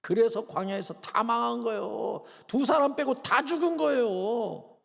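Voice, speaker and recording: A middle-aged male pastor preaching an emphatic, animated sermon at a midweek prayer service, full of rhetorical questions. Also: extremely high pitch, measured pace, gravelly. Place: church sanctuary. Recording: echoey church hall.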